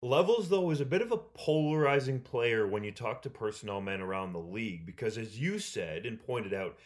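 A male co-host breaking down a sports topic in a casual, measured way. His voice sits at a middle pitch. He talks like an analyst laying out his points. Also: animated.

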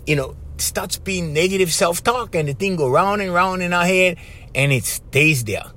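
A man with a Hawaiian Pidgin accent talks like an informal life coach. His voice sits a bit high and swings up and down a lot. He keeps checking in with the listener as he makes his points. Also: a bit bright. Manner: conversational, often checking in with "right?" and "okay?". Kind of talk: informal motivational talk to viewers.

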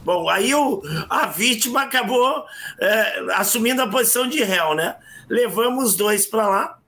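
Animated man telling stories. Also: sits high, normal speed. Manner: animated storytelling with acted quotes and restarts. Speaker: podcast co-host. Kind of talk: casual chat, storytelling.

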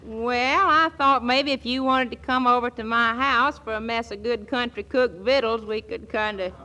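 A woman's voice: fairly high pitch, moderate pace, sharp tone. A woman playing a naive, eager, lovestruck young country woman with a rural American accent and gushing, folksy, hesitant talk in old-time comedy. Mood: shy, eager. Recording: noisy old comedy soundtrack.

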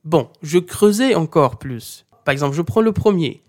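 Animated and at a moderate pace, an Arabic teacher with a medium-pitched voice delivers a didactic talk. Speaking straight to the learner as "tu," the teacher insists on key points by saying them more than once.

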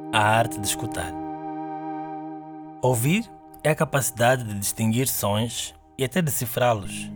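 A man with a mid-pitched voice speaks as a host guiding meditation. His delivery is soothing and unhurried, giving gentle instructions, with clear music playing behind him. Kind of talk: slow guided meditation.

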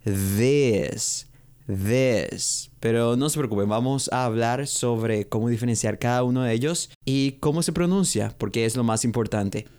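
A man hosting a podcast, teaching English pronunciation slowly and repeating each example phrase. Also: medium pitch, darkish tone, smooth. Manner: slow, careful repetition of example phrases. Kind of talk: podcast language lesson.

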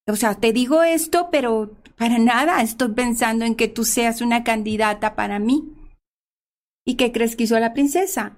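High-voiced woman telling a story. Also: normal speed. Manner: lively storyteller with questions to the listener. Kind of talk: storytelling in casual chat.

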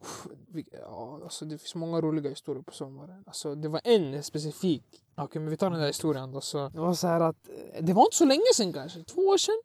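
A young man, telling stories in a casual chat, slangy and animated. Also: on the high side, dry recording, studio quality. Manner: slangy, animated, many fillers, acts out voices. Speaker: podcast co-host, storyteller.

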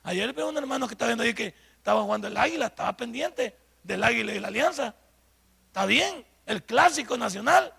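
A man with a Salvadoran accent preaches with fervor in a church and keeps pressing the congregation with questions. His voice sits high and sounds husky and breathy. It has a sharp, bright edge, and he often climbs to a shout. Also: lively intonation, brisk, big-room sound. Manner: fervent, rising to shouts, rhetorical questions to the congregation. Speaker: pastor. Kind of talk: sermon.

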